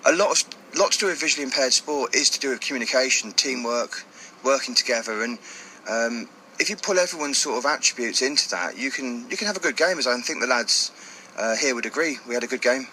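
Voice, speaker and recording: A man talks casually as an interview guest. His voice is medium-pitched and forward, with a bright edge. He explains things informally, over faint ambience. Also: animated, fast talker, slight background noise, rough recording. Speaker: interview guest, blind cricket player.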